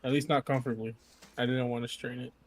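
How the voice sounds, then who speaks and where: A man chatting casually with a friend on voice chat, teasing and swearing, quick to laugh. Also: mid-range voice, steady tone. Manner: teasing, profane, laughs easily.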